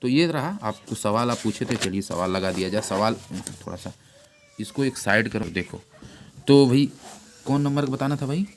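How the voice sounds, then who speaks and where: A man giving an informal math lesson who keeps repeating terms and quizzing his pupil with quick questions. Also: lowish voice, lively intonation, gravelly, a little hiss or hum. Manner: plain conversational delivery with frequent restarts. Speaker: math teacher.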